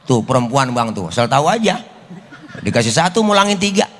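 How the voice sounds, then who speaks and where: A man's voice: medium pitch, very animated, brisk, a bit bright, slight background noise. A man with a Betawi accent giving a comic sermon, jokey and full of street slang. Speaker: preacher. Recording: long hall reverb.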